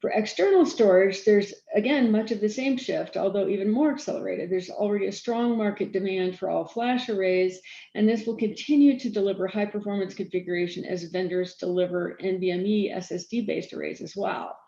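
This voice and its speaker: A woman giving a conference keynote on technology, talking quickly with frequent fillers and restarts. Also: mid-range voice, warm tone, echoey room, lo-fi sound. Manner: fast-talking, self-aware about speed. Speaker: keynote speaker, storage architect.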